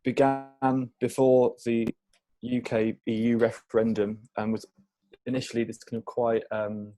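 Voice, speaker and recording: A man explains his research casually on a panel, in a halting manner. His voice is dark and mellow, with very little pitch movement. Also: level tone, rough recording. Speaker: PhD researcher, panel guest.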